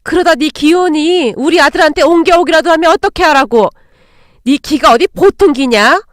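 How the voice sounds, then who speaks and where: A woman voicing a harsh, greedy middle-aged mother who scolds and shouts at her grown daughter. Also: very high voice, no echo, studio quality, pitched above the performer's own voice, heavily acted.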